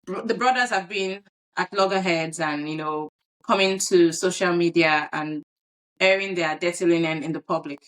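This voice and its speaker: A woman's voice: lowish voice, normal speed, fairly bright tone, low-quality recording. A woman hosting a casual podcast, playing a judge in a mock courtroom with a playful, mock-formal way of talking and frequent laughs.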